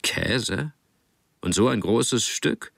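A man voicing a proud middle-aged father in an audiobook, speaking slowly and fondly. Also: medium pitch, gravelly, fairly bright tone, no room sound, pitched above the performer's own voice, heavily acted. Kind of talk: audiobook character reading.

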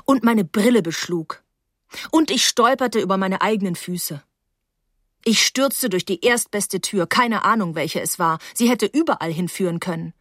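Female radio reader, measured and expressive, mid-pitched, dry close studio sound. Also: no echo. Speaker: audiobook reader. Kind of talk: literary reading on radio. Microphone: close studio mic.

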